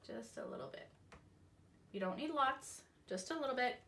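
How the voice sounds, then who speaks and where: A woman's voice: high voice, wildly swooping pitch, normal speed, fairly bright tone, slight background noise. A woman in her thirties from Canada leads a step-by-step painting tutorial. She explains each brushstroke in a friendly, instructive way, filmed in her indoor craft studio with a camera set in front of her.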